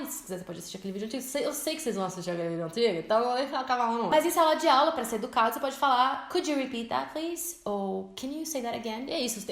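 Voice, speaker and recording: A young Brazilian woman with a Brazilian Portuguese accent, teaching English in a chatty, expressive vlog style and slowing down to spell words out. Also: medium pitch. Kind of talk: casual vlog-style lesson. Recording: echoey room.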